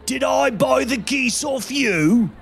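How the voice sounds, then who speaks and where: Bellowing, fed-up market trader, raised and loud, as a man reads him. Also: very high voice, expressive, takes it slowly, creaky, husky, faint music behind, voice pushed up, exaggerated voice. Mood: angry. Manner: shouting, threatening. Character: blustering angry male goose salesman.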